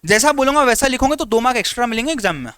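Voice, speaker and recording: A male teacher runs a live online class, teasing his students and repeating what they should write down. His voice sits high and swings widely in pitch. It has a bright edge and is recorded dry and close. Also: very fast, clear, resonant tone, no room sound. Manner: lively, teasing, repeats instructions.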